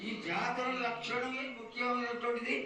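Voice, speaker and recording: A man's voice: very high voice, completely flat delivery, normal speed, sharp tone. A man speaking as a temple priest, reverently and coaxingly pleading with a deity in a deferential manner. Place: echoey temple festival. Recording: echoey, distant, noisy live event sound.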